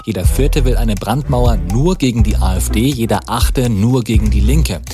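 A man reading the radio news in an even, formal, scripted delivery. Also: medium pitch, moderate pace, over music. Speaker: newsreader.

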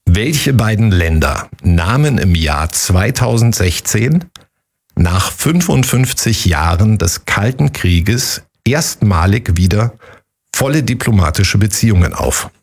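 A man hosting a podcast quiz, chatting casually and joking, then reading the questions out slowly. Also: lowish voice, animated, husky. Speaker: quiz host.

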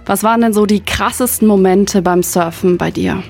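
A woman's voice: medium pitch, normal speed, gravelly, darkish tone, soft background music. Casual Franconian radio host woman. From Franconia, Germany. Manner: friendly, casual phrasing. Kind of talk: radio interview.

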